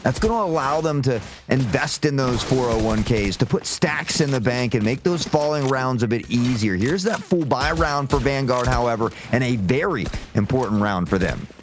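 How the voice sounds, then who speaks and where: An esports commentator with a mid-range, expressive voice gives fluent, wordy live analysis at a moderate pace, barely pausing and using playful turns of phrase. He's heard over music, with faint game noise and clicks in the recording.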